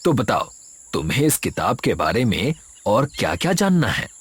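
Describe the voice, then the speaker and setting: A gentle, patient doctor. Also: male voice, medium pitch, big pitch swings, normal speed, husky, dry recording. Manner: gentle, reasoning, reassuring. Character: kind, patient village doctor. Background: background music.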